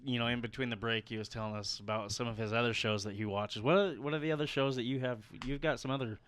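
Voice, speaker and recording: Mid-pitched male host, clean smooth tone; relaxed, stop-start delivery. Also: quick pace. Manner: hesitant, many restarts. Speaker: podcast host. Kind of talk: casual chat.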